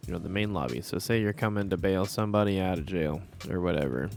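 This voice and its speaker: Quick and creaky, this man's low voice rambles through casual commentary on his Minecraft build as he thinks out loud and repeats things to himself. He's plagued by hiccups and burps, and soft music plays behind him.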